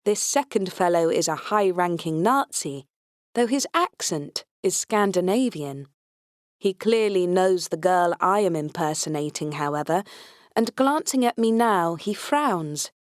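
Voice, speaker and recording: Reading aloud in the first person, a woman narrates a sci-fi comedy audiobook with a knowing, tongue-in-cheek wryness. She has a fairly low voice with lively intonation and an unhurried pace, and the studio-quality recording has no room sound.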